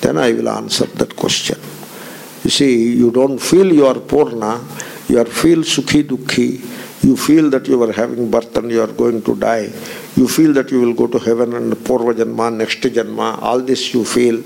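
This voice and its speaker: A man's voice: medium pitch, fairly even intonation, moderate pace, vocal fry, a little mellow, poor audio. A man giving a spiritual discourse, emphatic, repeating phrases and putting pointed questions to his listeners. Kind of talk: Vedanta discourse.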